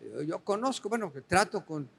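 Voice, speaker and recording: A man preaching a sermon as pastor, asking the congregation questions and slowing down to read scripture aloud. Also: high voice, very animated, creaky, a bit bright, breathy edge, big-room sound. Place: church hall.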